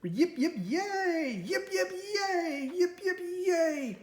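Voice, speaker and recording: A crowd of tiny prairie dogs, squeaking and cheering in high, excited voices, as a woman voices them all. The yells come back off the walls of a roomy space. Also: takes it slowly, full character voice. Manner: cheering, yelling. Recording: echoey room.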